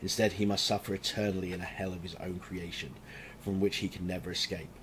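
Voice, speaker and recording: A man voicing a gaunt undead knight in a tabletop game, bitter and threatening, with a deep gravelly growl and solemn archaic speech. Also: level tone, quick pace, a bit bright, slight background noise, rough recording. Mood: grim, vengeful. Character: gaunt undead knight revenant, embittered, doomed and vengeful.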